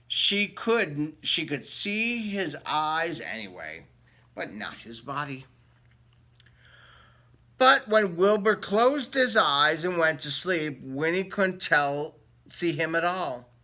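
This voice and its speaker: A man with a high-pitched, bright voice reads to children, playfully addressing his young audience with questions. It's an animated picture book read-aloud punctuated by asides to the listeners.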